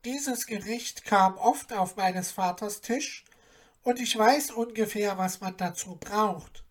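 A woman's voice: mid-range voice, slow pace. A woman voicing a kindly enchanted goose in a storybook reading, speaking in a soothing, knowing way.

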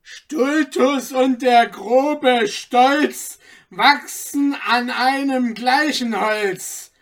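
Brief: hot-headed old soldier, loud, slow sneering rhymes, narrator voicing him. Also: sits high, voice pushed up, heavily acted. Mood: mocking. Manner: loud, rhyming, mocking. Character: wild hot-tempered old soldier man.

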